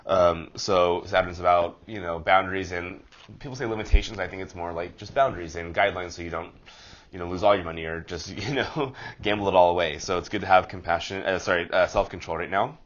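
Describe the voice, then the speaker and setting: A man's voice: low-pitched, fairly even intonation, brisk, a bit bright, dull audio. A man with a nasal voice hosting a casual horoscope vlog, chatty and rambling with a self-deprecating streak. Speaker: astrology vlogger.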